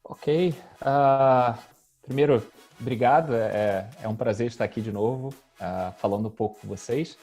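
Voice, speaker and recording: A man's voice: mid-range voice, moderate pace, faint music behind. A man, a guest speaking in a casual interview and thinking aloud as he goes. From Rio de Janeiro, Brazil. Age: 30s. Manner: relaxed, thinking aloud with fillers. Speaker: guest, UX designer.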